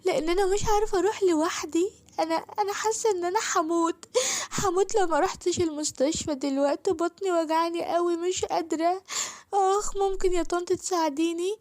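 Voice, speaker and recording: A woman's voice: very high voice, steady tone, quick pace, a little mellow, voice pushed up. A woman with an Egyptian accent voicing a frightened, sick young girl who pleads and stammers through tears. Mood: pleading.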